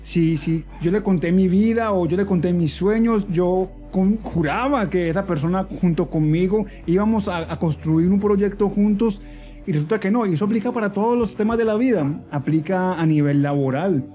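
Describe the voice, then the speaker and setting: High-voiced man telling a funny story. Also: normal speed, lo-fi sound, faint music behind. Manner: humorous storytelling with playful voices. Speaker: podcast co-host.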